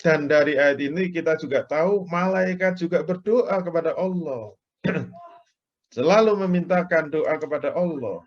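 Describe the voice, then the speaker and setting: A man's voice: on the high side, normal speed. A man preaching an Islamic lecture, explaining everyday examples and acting out people's prayers, tinged speech. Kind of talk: religious lecture. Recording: dull lo-fi lecture recording.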